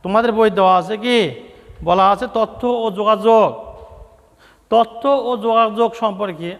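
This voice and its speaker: A high-voiced man teaches young children in a classroom, repeating key terms and spelling words out letter by letter. His voice carries a long reverb from the room around him. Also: steady tone, moderate pace, a bit bright, dull audio. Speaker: primary school science teacher.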